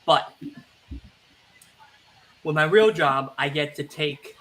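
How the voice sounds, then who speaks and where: This podcast co-host, a man from an Italian family background, chats casually in a fairly high, slow, slightly bright voice. He rambles, restarts, leans on fillers, and pokes fun at himself. The streamed recording carries faint background noise.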